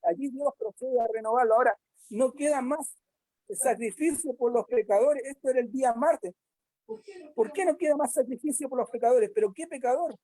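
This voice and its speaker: A woman's voice: sits high, moderate pace, mellow, husky, dry recording, low-quality recording. A woman reviewing a church Bible lesson, asking the listeners questions and hesitating often. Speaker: Sabbath school teacher.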